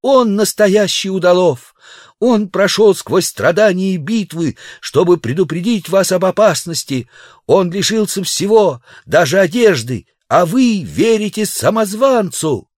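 A man reading an audiobook, voicing a disheveled young woman who shouts in passionate defense. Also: animated, measured pace, no echo, studio quality. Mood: impassioned. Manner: shrill and pleading.

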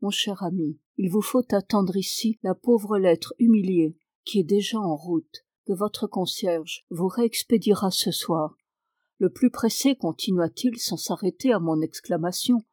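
A woman reading the part of a calm, authoritative man who speaks softly and with pity, in an audiobook. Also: medium pitch, dry recording, clean studio sound, natural voice. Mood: gentle. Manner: soft, measured, compassionate.

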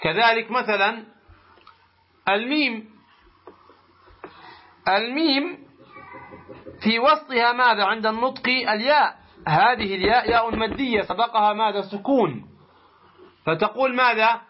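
A man teaching a tajweed lesson, explaining slowly and deliberately, pausing to pose rhetorical questions to his students. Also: extremely high pitch. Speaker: Quran recitation teacher. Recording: muffled lo-fi recording.

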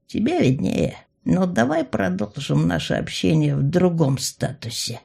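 A woman's voice: deep voice, big pitch swings, unhurried, creaky, warm tone, husky, full character voice. A woman voicing a sly, mocking young male mage who drawls and teases. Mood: drawling. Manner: drawling, teasing.

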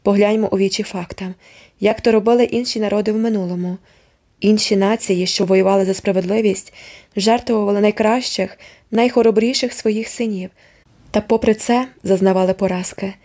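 A woman's voice: medium pitch, steady tone, fairly quick, dark tone, close to an everyday voice. A woman doing a gloomy schoolteacher. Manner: sombre, grave.

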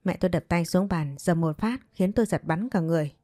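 A woman narrating a first-person story in a steady, dramatic manner. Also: lowish voice, brisk, no echo, clean studio sound, soft background music.

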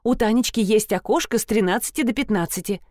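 A woman's voice: medium pitch, quick pace, a little mellow, no echo, studio quality, lightly acted. A woman reading an audiobook, voicing a timid receptionist who fawns over and pleads with clients. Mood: fawning. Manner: fawning, pleading. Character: fawning, timid female salon receptionist.

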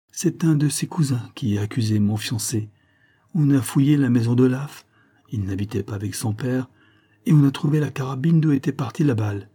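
Male reader playing an anxious young woman in a storybook, earnest and urgent, husky tone. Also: medium pitch, dark tone, voice pushed up, close to an everyday voice. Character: anxious young woman pleading for her fiancé.

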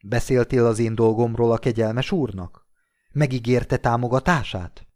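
A man's voice: mid-range voice, a little mellow, no room sound, studio quality, lightly acted. A man voicing a cold, arrogant young ladies' man who speaks with contempt, in an audiobook reading.

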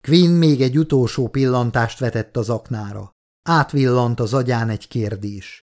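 Steady male audiobook narrator. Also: medium pitch. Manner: steady, measured reading. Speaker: audiobook reader. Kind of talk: scripted narration.

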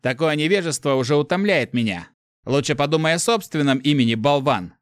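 A cold, irritable spirit voice that speaks only inside someone's head, put on by a man reading a story. It talks in clipped, scornful bursts, pitched higher than the narrator's own voice and a little louder. The sound is dry and close. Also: lively intonation, fairly quick, dry recording, close to an everyday voice. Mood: cold, irritated. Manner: curt, scornful, snapping.

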